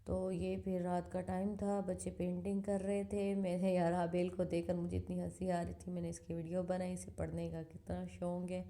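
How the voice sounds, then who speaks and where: A woman in her thirties, a mother, casually narrating her family's home video in a soft, steady, conversational way. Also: lowish voice, few pauses.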